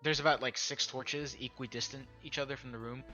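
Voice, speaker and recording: A man's voice: mid-range voice, steady tone, brisk, sharp tone, faint music behind. A man narrating a tabletop game as game master, describing scenes with frequent restarts and self-corrections.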